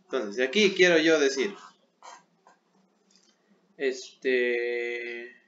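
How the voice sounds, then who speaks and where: A man's voice: medium pitch, drawn-out words, a bit bright, muffled recording, a little hiss or hum. A man teaching English words in an online class, patiently checking understanding as he goes. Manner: patient, keeps checking with "¿sale?".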